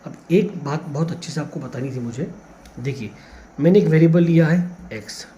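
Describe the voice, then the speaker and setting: An Indian man with a warm, medium-pitched voice teaches a maths lesson step by step on a board, patiently counting things out aloud in class. The lo-fi recording sounds slightly dull, with faint background noise.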